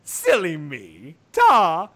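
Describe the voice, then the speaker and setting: A woman voicing a sly, suave male trickster creature with grandiose, drawn-out politeness in a story read aloud. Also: fairly low pitch, wildly swooping pitch, a bit bright, full character voice. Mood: wry, suave. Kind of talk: comic fan fiction read-aloud.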